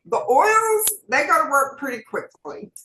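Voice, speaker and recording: A woman's voice: sits high, very animated, a little slow, sharp tone, roomy sound, a little hiss or hum, poor audio. A woman, co-hosting and talking straight to her viewers in a chatty, folksy way. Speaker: co-host sharing wellness tips. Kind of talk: casual chat.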